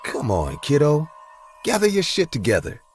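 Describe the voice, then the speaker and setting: A pushy, tipsy older sister with a teasing, bossy streak, put on by a male narrator. Her voice climbs high and swings lively as she pushes for a night-time thrill in an audio horror story. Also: moderate pace, breathy edge, soft background music, heavily acted.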